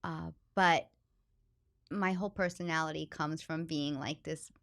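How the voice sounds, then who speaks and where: A woman from the Bronx with a New York accent, a stand-up comedian chatting in an interview, loud and expressive. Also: deep voice, a little slow, gravelly. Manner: animated, talks with hands, loud and expressive. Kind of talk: casual interview chat.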